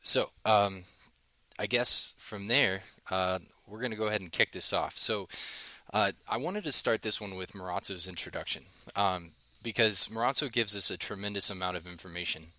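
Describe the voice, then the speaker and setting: A man's voice: on the low side, normal speed, pushed and bright, no echo. A man hosting a podcast, talking casually and loosely with many filler words. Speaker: podcast host. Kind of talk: casual chat.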